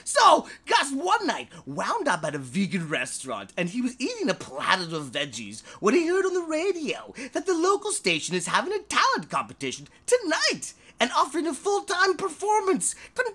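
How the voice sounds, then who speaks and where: An author reads his own short story, a children's bedtime tale, in a bright, forceful voice with wide pitch swings. His delivery is animated and theatrical but a bit halting, as he goes back over words and throws in jokey asides.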